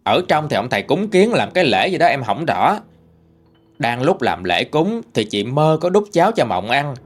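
A man's voice: medium pitch, sing-song, moderate pace. A man with a Southern Vietnamese accent narrating a ghost story in a chatty, conversational way.

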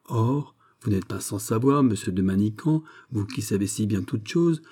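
A man reading an audiobook, voicing a haughty, sharp-tongued young princess with ironic, exasperated questions. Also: on the low side, animated, normal speed, husky. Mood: scornful.

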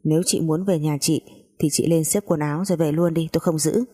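A woman's voice: low voice, steady tone, a little fast, mellow. A woman voicing a domineering, self-pitying mother-in-law who scolds sharply. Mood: scolding.

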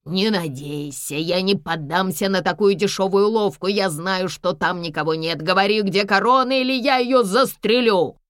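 A woman's voice: medium pitch, moderate pace, few pauses, fairly bright tone, no echo, studio quality, natural voice. A woman voicing a ruthless older man who threatens and barks orders in a mocking tone. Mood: menacing. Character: ruthless older man, menacing villain with a revolver.

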